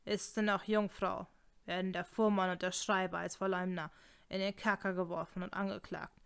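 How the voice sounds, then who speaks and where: A woman reading the lines of a cold, merciless male scholar in an audiobook, speaking quietly and with icy command. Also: on the low side, flat delivery, normal speed, creaky, smooth.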